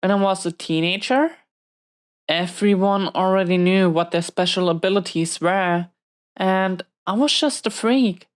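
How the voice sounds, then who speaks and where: At a measured pace, a woman with a clear, resonant, natural mid-range voice plays a protective, hot-tempered but tender supervillain behind bars. She speaks defensively and hesitantly to an unseen listener in an intimate roleplay, sounding hesitant and vulnerable.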